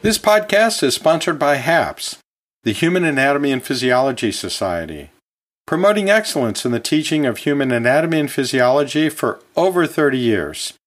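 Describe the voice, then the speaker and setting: With soft background music, a male podcast host who teaches anatomy and physiology talks in a mid-range voice that is very animated, at a moderate pace. He comes across as a chatty, folksy teacher, chuckling frequently and tossing in casual self-corrections.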